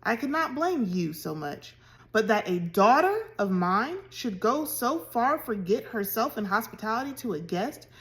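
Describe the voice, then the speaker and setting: A woman voicing a stern, quick-tempered farm mother who scolds firmly and formally, in a read-aloud storybook. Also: fairly high pitch.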